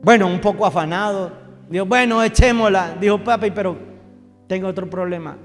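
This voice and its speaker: Colombian male pastor, animated sermon delivery, reverberant church hall. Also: high-pitched, brisk, faint music behind. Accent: Colombian Spanish. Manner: animated preaching with acted-out joke voices and shouts.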